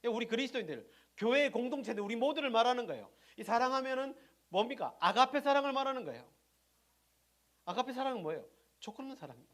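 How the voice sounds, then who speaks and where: A middle-aged man preaching a sermon as pastor, asking the congregation questions and answering them himself, moving between loud emphasis and soft, low asides. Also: very animated, fast.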